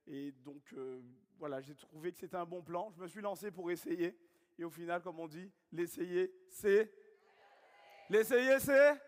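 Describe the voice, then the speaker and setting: Energetic man in his 30s from Guadeloupe, high-pitched, working a seminar crowd in a large echoing hall. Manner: energetic, questions and calls out to the audience. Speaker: seminar speaker. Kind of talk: motivational stage talk. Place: large hall with live audience. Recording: long hall reverb.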